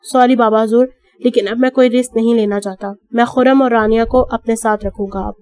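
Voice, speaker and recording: A calm young husband speaking in a cool, measured tone, as a woman narrator reads him. His voice sits a touch high. The sound is dry and close. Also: no echo, close to an everyday voice. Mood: firm. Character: calm, firm young man, protective husband.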